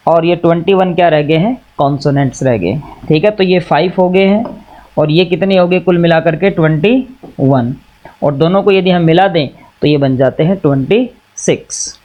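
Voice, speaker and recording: A man's voice: fairly high pitch, darkish tone, highs cut off. A male teacher with an Indian accent explaining a lesson, asking questions and answering them himself, mixing Hindi and English. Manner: repeats and recaps patiently. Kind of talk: classroom lesson.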